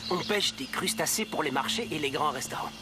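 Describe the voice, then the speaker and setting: A man's voice: on the high side, lively intonation, brisk, natural voice. An actor in a dubbed TV drama playing a laid-back working fisherman. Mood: casual. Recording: music behind.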